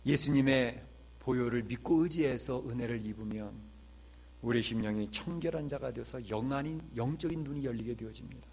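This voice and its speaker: A man's voice: medium pitch, a little fast, a little mellow, slightly rough. A male pastor preaching a sermon in an earnest way, with emphatic swells and rhetorical questions.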